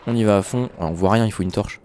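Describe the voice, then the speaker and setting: A young man chatting excitedly to his viewers while commenting on his own gameplay. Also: fairly low pitch, quick pace, slight background noise. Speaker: gaming YouTuber. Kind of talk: Minecraft let's play commentary.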